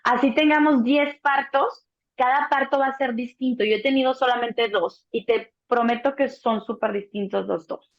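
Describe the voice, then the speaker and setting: A Mexican woman in her thirties, a doula, telling a birth story in a relaxed chat, acting out the voices of the people in it and swearing casually. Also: fairly high pitch, normal speed. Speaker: doula, co-host. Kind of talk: casual conversation. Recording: dull lo-fi sound.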